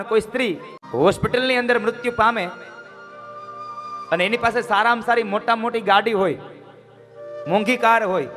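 A man's voice: high-pitched, fairly bright tone. A man giving a devotional sermon, pressing his point with rhetorical questions and breaking into sung verses. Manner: rhetorical questions, earnest and insistent. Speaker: katha preacher.

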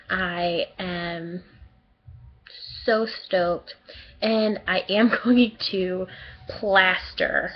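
A young woman vlogging casually, chatty and excitable, rambling with lots of fillers and restarts. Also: on the low side. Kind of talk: casual late-night video diary. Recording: muffled lo-fi home recording.

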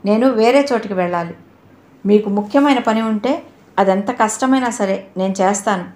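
A woman's voice: mid-range voice, normal speed, a little mellow, lightly acted. A woman voicing a young woman who pleads and begs insistently in a read-aloud story. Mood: pleading. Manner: begging and insistent. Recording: roomy echo.

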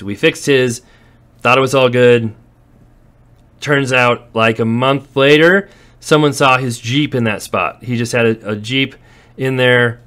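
Walking through empty warehouses and outside, a man who invests in real estate and rents out property chats casually about his buildings for a phone-filmed vlog. His voice is medium in pitch and slightly bright. He's talkative, full of stories, with the occasional laugh.

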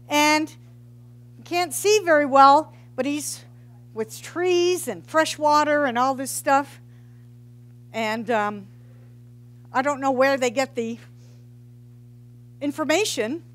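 A geology professor, a middle-aged woman, uses a headset mic for an informal science talk to the public in a big brick-walled hall. She jokes and quizzes the people listening, her voice high-pitched with a fairly bright tone.

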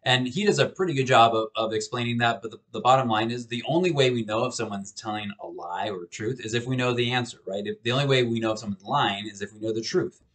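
Poor audio captures a professor in his thirties lecturing on webcam from a small home office, his mid-range, slightly bright voice rushing along with few pauses. His manner is casual and conversational. He restarts often and repeats words.

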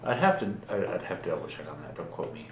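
A young man co-hosting a beer review, chatting in a relaxed, joking way and swearing now and then. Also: low-pitched, quick pace, vocal fry, crowd noise. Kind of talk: casual chat. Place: room with a table, indoors. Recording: echoey room.

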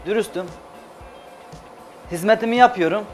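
Speaking at a normal pace in a high voice, this man is a thirtysomething chef and restaurant owner from Adana, Turkey. He's a guest being interviewed on a studio kitchen set, talking casually and emphatically and repeating words to stress them, while music plays in the background.

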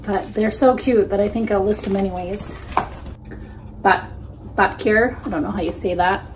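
A reseller vlogger, a woman in her 40s, gives casual unboxing commentary in a small indoor room against a plain wall. Her mid-pitched voice moves at normal speed, chatty and easygoing with frequent ums, picked up by a desk-distance camera mic with a faint room hum.

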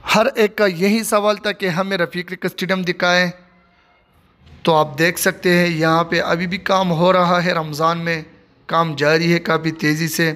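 A man's voice: sits high, flat delivery, moderate pace, a bit bright. A man giving a casual walking tour of a stadium construction site, filming on his phone outdoors. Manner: repetitive, plain commentary while filming. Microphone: handheld phone.

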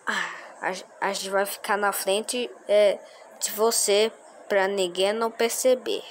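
A woman's voice: medium pitch, steady tone, slow pace, slight background noise, close to an everyday voice. A woman voicing a schoolboy friend who promises to keep a secret, in a conspiratorial way. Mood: conspiring.

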